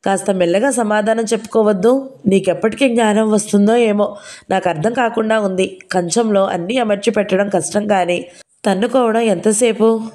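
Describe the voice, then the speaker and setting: A woman's voice: mid-range voice, normal speed, lightly acted. Woman voicing a bedridden scolding mother. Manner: sharp scolding, weary sighs. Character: ailing, scolding older mother.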